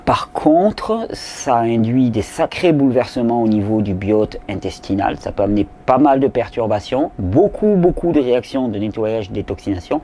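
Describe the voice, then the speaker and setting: Mellow-voiced man answering questions. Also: mid-range voice, expressive, moderate pace, few pauses. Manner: rambling, repeats words, many fillers. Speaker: host answering viewer questions. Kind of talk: casual spoken Q&A.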